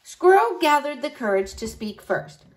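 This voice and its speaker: A woman reads a children's story in a high voice with big swoops of pitch. She takes her time and addresses her young listeners directly in an animated way. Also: measured pace. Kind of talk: expressive picture-book read-aloud.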